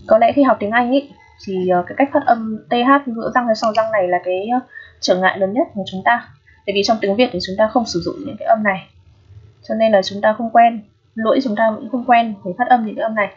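A woman's voice: on the high side, quick pace, a little mellow, slightly rough. A woman teaching an English exam review lesson, patient and repetitive, often checking that students understand. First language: Vietnamese. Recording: dull lo-fi recording.

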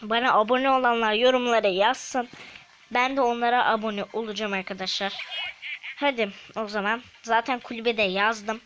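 Chatty woman voicing her game, higher pitch. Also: steady tone, fairly bright tone, dull audio. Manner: chatty, quick to snap at opponents. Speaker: gaming channel host. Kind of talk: game commentary. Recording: faint background noise.

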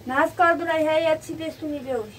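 A woman in casual back-and-forth chat while doing chores in a rural home. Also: sits high. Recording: distant mic with clear background noise.

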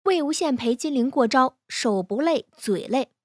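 A woman reading fan fiction aloud in a smooth, even storytelling manner. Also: sits high, normal speed, dry recording, clean studio sound.

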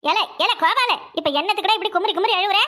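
A blunt, scolding cartoon mother-in-law from a village, as a woman puts her on. Her voice sits very high and rings bright and sharp. She talks with a mocking, bossy edge. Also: fast. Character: harsh scheming rural mother-in-law, older woman. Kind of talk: cartoon voice acting.

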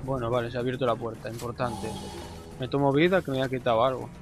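A young Spanish man with a Spain accent talks through his gameplay, cursing freely and shouting out in excitement. His voice has a gravelly, fry-laden edge at a middling pitch. Game music plays clearly behind him. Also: fast talker, poor audio. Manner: swears often, excitable exclamations. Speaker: gameplay commentator. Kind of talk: casual gameplay commentary.

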